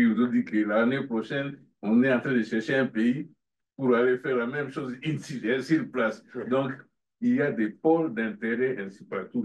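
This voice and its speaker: A man, asking a panel a long question in an earnest, halting way. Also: medium pitch. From Democratic Republic of the Congo. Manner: halting, restarts often, earnest. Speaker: audience member asking a question. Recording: from far off in a room.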